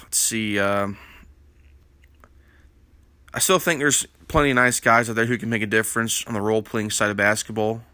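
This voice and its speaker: Congested man talking hoops, bright dry voice. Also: on the low side, fairly even intonation, moderate pace, pauses often, no echo. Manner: rambling, filler-heavy, opinionated. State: congested morning voice from a sinus infection. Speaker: basketball news panel host. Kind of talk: casual sports commentary.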